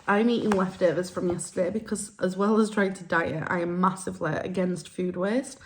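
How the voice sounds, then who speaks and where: A woman's voice: lowish voice, fairly even intonation, fairly quick, slight background noise. A woman, chatting frankly and self-deprecatingly in a casual vlog recorded on a phone held at arm's length. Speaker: vlogger.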